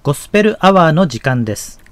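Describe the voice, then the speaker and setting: 抑揚豊かに語る男性ホスト. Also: male voice, fairly high pitch, big pitch swings, fast, no echo, clean studio sound. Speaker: radio program host, pastor.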